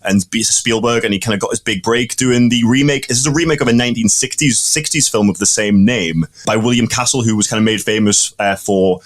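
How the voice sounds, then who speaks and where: A man's voice: lowish voice, fairly quick, hardly any pauses. A man hosting a podcast, talking casually about films in an opinionated, sweary way. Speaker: podcast host. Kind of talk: casual film discussion.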